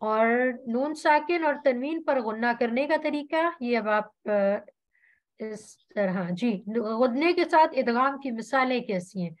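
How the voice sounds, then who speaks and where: A woman leads an online tajweed class over a video call, her voice high and her pace unhurried. She is patient and models each word carefully so her students can repeat it. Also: lively intonation. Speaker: tajweed teacher. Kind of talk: online Quran recitation class.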